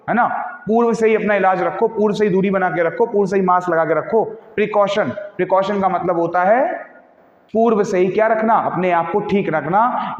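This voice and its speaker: A man with an Indian accent teaching exam vocabulary in an instructional tone, spelling words out letter by letter and calling his students dear children. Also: sits high. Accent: Indian English. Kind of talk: exam-prep vocabulary lesson. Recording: echoey roomy reverb, dull lo-fi sound.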